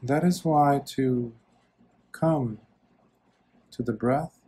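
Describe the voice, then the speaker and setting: A man leads a guided meditation as a monk, his mid-range voice carrying a breathy edge. He speaks gently and soothingly, in short phrases broken by long pauses.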